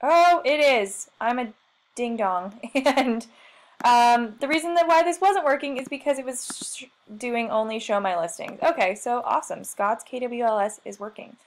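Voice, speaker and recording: Walking viewers through software on a shared screen, a female marketing trainer talks at a moderate pace in a slightly high voice. She chats casually, pokes fun at herself, and narrates her thoughts with each click.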